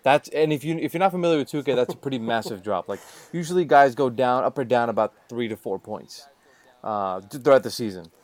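A man's voice: mid-range voice, a little fast, dry recording. A man co-hosting a casual sports podcast, laid-back and rambling with fillers. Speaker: podcast co-host.

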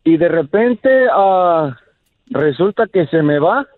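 Un hombre criado en México que llama a un programa de radio y cuenta su historia con muchas muletillas y palabras repetidas. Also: male voice, fairly high pitch, expressive, takes it slowly, dry recording. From Mexico. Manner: hesitant, many fillers and repeated words. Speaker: radio caller. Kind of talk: casual call-in storytelling. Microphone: phone. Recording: tinny phone line.

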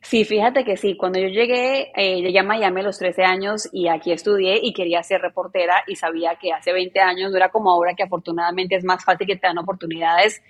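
A woman in her thirties from Colombia, with a softened Colombian accent blended with neutral Spanish, chatting easily as a journalist guest in an interview. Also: fairly low pitch, fairly even intonation, quick pace, few pauses. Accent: softened Colombian, mixed with neutral Spanish. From Medellín, Colombia. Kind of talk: casual interview chat.

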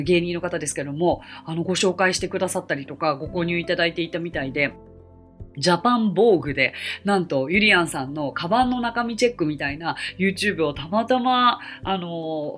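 A woman hosting a podcast as an English teacher, answering listener mail in a polite, chatty way and repeating English phrases slowly for practice. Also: on the low side, a bit bright.

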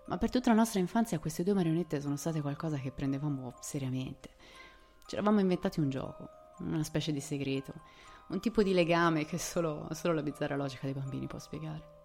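Low-voiced woman telling a story. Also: a little mellow. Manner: conversational, wry storytelling. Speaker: narrator. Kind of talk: first-person horror story narration.

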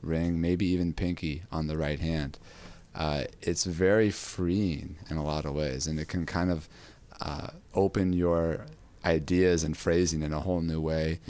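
A podcast host with a very deep voice, raspy from a cold, talks about guitar on a casual podcast. He speaks a little slowly in a relaxed, rambling way with many fillers.

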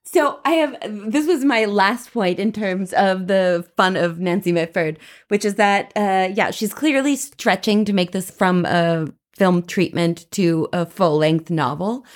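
A woman's voice: mid-range voice, measured pace, hardly any pauses. Woman, podcast co-host, wry, casual book chat.

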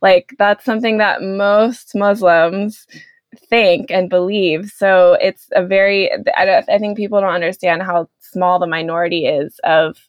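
A woman's voice: medium pitch, fairly even intonation, a little slow, dry recording, highs cut off. A woman explaining her views in a casual, conversational way, often hedging as she goes.

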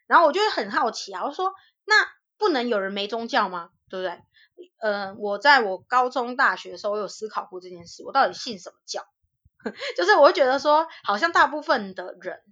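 Bright, lively young woman. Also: on the high side. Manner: lively storyteller who acts out quotes, laughs often. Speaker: podcast co-host. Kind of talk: casual chat.

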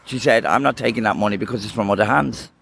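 A man's voice: fairly low pitch, fast, gravelly, fairly bright tone, slight background noise. A man with a west of Ireland accent talking candidly in an interview, repeating himself and often adding tag questions. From Galway, west of Ireland. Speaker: street interviewee.

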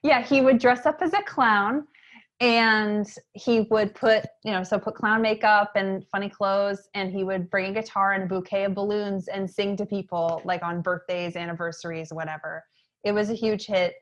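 Speaking at moderate pace in a mid-range voice, this entrepreneur from Maine, USA, a woman in her thirties, is a guest in a casual interview. She tells stories conversationally and chattily, using many fillers and emphasizing points with energy.

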